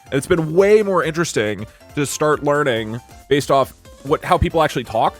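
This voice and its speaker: Faint music sits behind a man whose voice is fairly high and whose pace is moderate. He streams from a green screen with a desk mic, responding to viewer comments in an animated, rambling way full of fillers and restarts.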